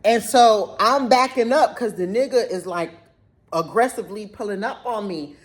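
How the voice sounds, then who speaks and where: A young adult woman telling a dramatic story in a casual vlog, animated and profane, with sudden high-pitched outbursts. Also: normal speed. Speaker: storytime vlogger.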